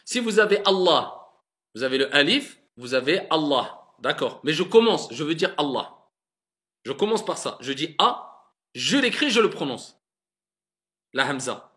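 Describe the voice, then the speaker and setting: Male classroom teacher, bright and fairly high voice, patient and encouraging, drags out words to demonstrate. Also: very animated. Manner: patient, repeats words slowly and drawn out to model pronunciation; encouraging, mixes French with Arabic words. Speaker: Arabic reading teacher. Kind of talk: classroom lesson, correcting students' reading.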